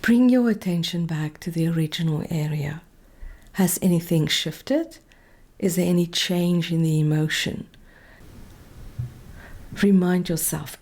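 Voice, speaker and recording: Gently directive and calm, a female meditation coach offers guided instruction in a lowish, breathy voice that at times almost becomes a whisper.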